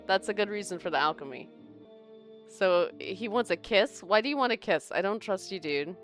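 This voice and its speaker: A woman's voice: mid-range voice, animated, normal speed, soft background music. A woman streamer giving casual, playful gameplay commentary, chatting to viewers and thinking aloud. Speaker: game streamer.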